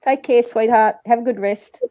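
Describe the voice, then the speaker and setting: A woman's voice: fairly high pitch, fairly even intonation, moderate pace, mellow. An Australian woman telling funny stories in casual chat on a video call, laughing often and acting out the voices she quotes. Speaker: livestream host.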